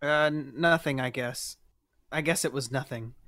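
A man's voice: medium pitch, normal speed, sharp tone, voice pushed down, lightly acted. A man reading a jumpy nervous young traveler. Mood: unsure. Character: jumpy young man hearing noises in snow.

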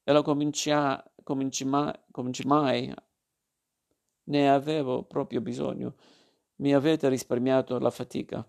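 A man's voice: medium pitch, little pitch movement, a little slow, gravelly, darkish tone. A man voicing a spiteful old man in a storybook reading, with a taunting, sneering manner. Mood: sly.

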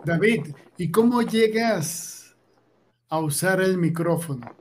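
A man hosting an online interview, asking friendly questions at a slow, deliberate pace. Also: high voice, lively intonation, slight background noise. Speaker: interview host. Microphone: video call.

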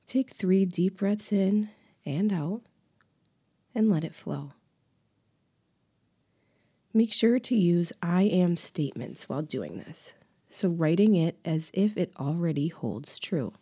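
A woman guides a meditation, speaking very softly and intimately, as if right in your ear. Her voice is extremely mellow and a little low, often sinking close to a whisper. She goes slowly and calmly, leaving long pauses between phrases. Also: husky. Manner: calm, soothing, unhurried with long pauses.

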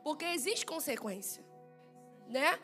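A woman pastor, preaching in church in a lively, playful way, acting out dialogue and laughing often. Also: high-pitched, unhurried, soft background music. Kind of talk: sermon with personal storytelling. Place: church service.

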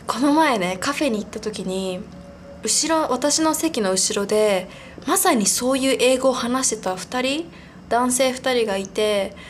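A young woman in her twenties hosts a relaxed solo podcast, her voice sitting a little on the high side. She rambles along in a chatty, giggly way, often poking fun at herself as she talks. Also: slight background noise. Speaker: podcast host. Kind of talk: casual solo podcast monologue.

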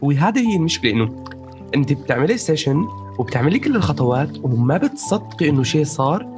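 A man's voice: a little high, very animated, quick pace, music in the background. A man with a Levantine Arabic accent chatting casually about personal experience, explaining things as he goes, checking in with the listener and dropping in English words.

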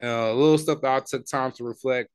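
A man's voice: mid-range voice, steady tone, a little fast, clear, resonant tone, no room sound. Laid-back slangy man in his twenties. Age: 20s. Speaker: podcast co-host. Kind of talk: casual chat.

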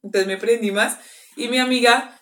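Young woman on a podcast, kinda high voice, laughs a lot, echoey room. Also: moderate pace. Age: young adult. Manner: animated, laughs often, acts out quotes. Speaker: podcast co-host. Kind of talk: casual chat, storytelling.

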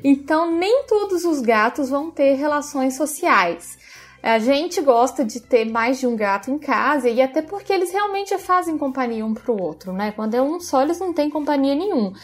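Her voice is high-pitched and expressive, at a normal speed, carrying a Brazilian Portuguese accent. She's a Brazilian podcast host and pet expert who explains how cats behave in a friendly, relaxed manner, now and then starting phrases over.

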